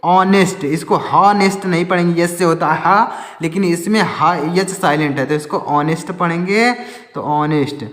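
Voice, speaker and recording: A man's voice: a little high, moderate pace, fairly bright tone. Guy teaching english words in hindi, keeps asking and repeating, long echo like a big room. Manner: repeats each word and quizzes the viewer with questions; points at words written on a board. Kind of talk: Hindi-language English lesson. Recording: echoey room with long reverb.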